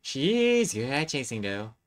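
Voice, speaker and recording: A reaction video host giving casual live commentary in a halting way, often repeating words and chuckling. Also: mid-range voice, big pitch swings.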